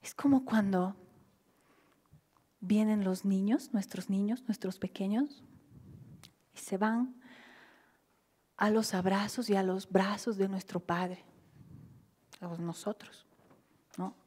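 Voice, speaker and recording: Female Bolivian preacher, slow husky delivery, whispers to shouts, long hall reverb. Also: mid-range voice, steady tone. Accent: Bolivian Spanish. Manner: swings from near-whispers to loud cries. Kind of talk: sermon. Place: church hall.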